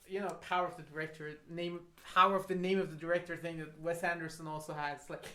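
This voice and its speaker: A co-host of a film podcast, chatting about movies in a relaxed, conversational way. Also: medium pitch, quick pace. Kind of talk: casual film chat. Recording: echoey room with faint noise.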